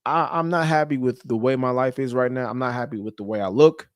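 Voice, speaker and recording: A man's voice: mid-range voice, fairly even intonation, a little fast, dry recording, studio quality. A man hosting a podcast, giving a blunt motivational talk about fitness and habits, with casual profanity and slang. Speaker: podcast host. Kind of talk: motivational monologue.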